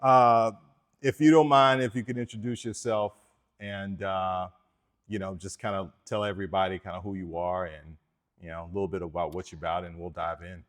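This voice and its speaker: A man with a fairly low voice hosts a relaxed interview. He asks loose, friendly questions, leaning on fillers as he goes. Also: normal speed. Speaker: interviewer, host. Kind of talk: casual interview.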